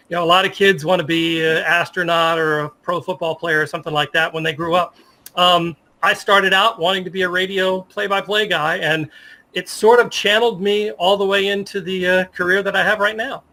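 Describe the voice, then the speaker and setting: The audio is poor, but the voice comes through high-pitched, pushed and bright: an American sports media professional in his fifties from Virginia. As an interview guest, he tells stories casually and with reminiscing enthusiasm.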